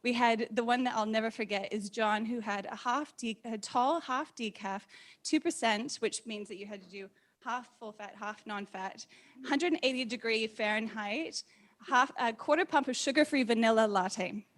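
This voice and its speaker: At a community meetup, a woman in her thirties tells personal stories to a live audience, informal, animated and candid, acting out her quoted thoughts. Her accent is a hard-to-place mix, not clearly American, New Zealand or Australian. She speaks at a normal speed with a voice on the high side.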